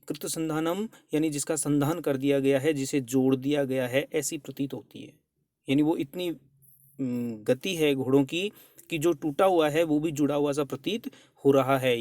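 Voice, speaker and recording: A male college lecturer teaching a classical play, his voice sitting a little high for a man. He reads out verse lines slowly and deliberately, then explains them plainly. The recording is close and dry, with no room sound. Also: darkish tone, dry recording.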